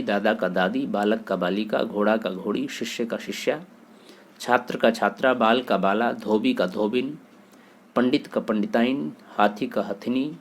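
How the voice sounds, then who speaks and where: In a low-pitched voice, a man teaches grammar to exam students, steadily listing word pairs and answering questions he asks himself.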